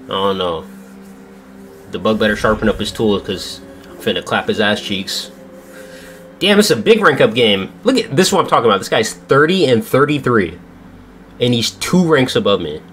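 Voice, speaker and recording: Low-voiced young man, slangy gaming commentary. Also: animated, moderate pace, pauses often, a bit bright, slight background noise. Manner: slangy, profane, sarcastic. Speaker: gamer commentating on own matches. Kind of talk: casual gameplay commentary. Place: indoors at a gaming setup in a dim room. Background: game music.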